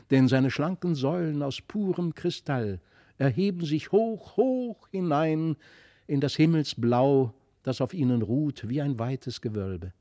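This is a man giving voice to a mysterious fairy child in an audiobook fairy tale. The tone stays soft, earnest and a little wistful. The voice sits slightly high, with a mellow, dark timbre in a dry, close recording. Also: no room sound.

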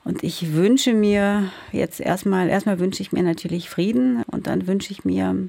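A woman's voice: medium pitch, measured pace, vocal fry, dark tone, dry recording. A woman novelist who grew up in the Soviet Union, answering in a thoughtful, searching way with some hesitations in a radio interview. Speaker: novelist guest.

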